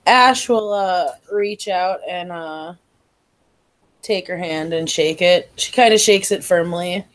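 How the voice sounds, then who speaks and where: Slow-talking woman playing a tabletop game. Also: on the low side. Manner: unhurried, thoughtful description. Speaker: player.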